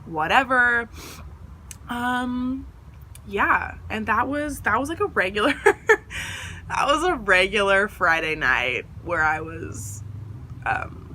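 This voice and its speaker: A woman's voice: medium pitch, takes it slowly, a little hiss or hum. A young adult woman telling a casual storytime, rambling with lots of fillers and acting out what other people said. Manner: rambling, filler-heavy, animated quoting of others. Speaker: vlogger.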